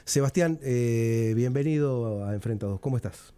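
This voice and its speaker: A man's voice: medium pitch, normal speed, mellow, smooth. A man hosting a television interview, hesitant with frequent fillers.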